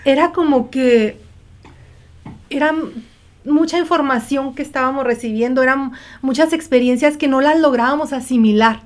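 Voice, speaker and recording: Woman telling her story, kinda high voice, earnest, acts out the quotes. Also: moderate pace. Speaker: guest, mother sharing testimony. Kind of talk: conversational testimony.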